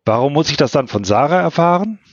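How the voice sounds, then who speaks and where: Ein Mann, der ein wütendes Teenager-Mädchen liest, das vorwurfsvoll faucht. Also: male voice, fairly high pitch, expressive, fast talker, no room sound, dull audio, voice pushed up. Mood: furious. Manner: hissing, reproachful. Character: angry teenage girl.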